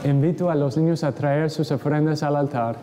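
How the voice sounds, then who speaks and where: A man speaking as a priest, solemnly and in measured phrases reciting prayers at Mass in a cathedral echo. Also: a little high, noisy background. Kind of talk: liturgical recitation of creed and prayers. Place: large church, standing at the altar. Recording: echoey church with long reverb, congregation sounds. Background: congregation.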